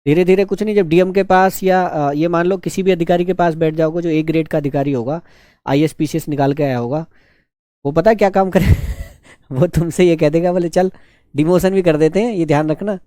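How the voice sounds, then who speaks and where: A man teaching a shorthand class, teasing his students and dictating words slowly. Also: on the high side, steady tone, dark tone, no room sound, clean studio sound. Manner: slow, drawn-out dictation. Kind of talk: live online class dictation.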